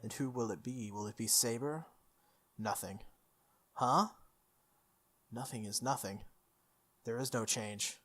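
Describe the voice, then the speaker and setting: He hosts a video game playthrough, giving a visual novel a dramatic reading punctuated by casual asides while game music runs underneath. His mid-range voice is fairly bright, unhurried, and full of pauses.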